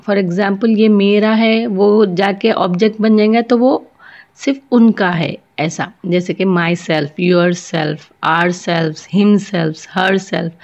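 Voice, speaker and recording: A woman teacher giving a grammar lesson, reading English examples slowly and explaining them in a mix of Hindi and English. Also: mid-range voice, gravelly, darkish tone. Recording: dull lo-fi sound.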